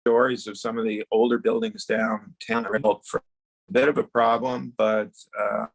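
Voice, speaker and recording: A town councilor, a man, speaking slowly in a council meeting over a video call whose audio glitches and breaks up. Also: lowish voice, flat delivery, gravelly, low-quality recording. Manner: slow, plain-spoken and level, with many fillers. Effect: glitchy video-call audio that breaks up and pauses.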